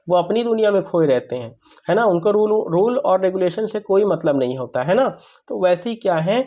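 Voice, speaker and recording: High-voiced male grammar teacher. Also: darkish tone, highs cut off. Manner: repeats questions to the class and answers them, addresses listeners as brother. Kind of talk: classroom-style grammar lesson.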